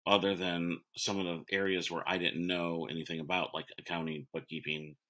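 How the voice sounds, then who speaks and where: A man's voice: low-pitched, level tone, normal speed, fairly bright tone. A man in his forties, a restaurant owner and chef, talking casually in an interview and rambling through restarts and fillers. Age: 40s.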